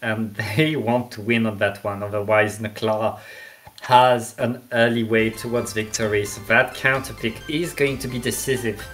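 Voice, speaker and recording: Esports co-caster, mid pitch, enthusiastic and a bit halting, faint music underneath. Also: steady tone, a bit bright. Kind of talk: esports color commentary.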